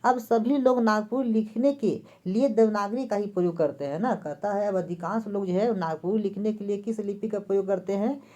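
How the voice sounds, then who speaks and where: A woman's voice: medium pitch, moderate pace, few pauses, mellow. A woman teacher giving an exam-prep lesson. She asks a question, then answers it herself and repeats the key terms. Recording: dull lo-fi recording.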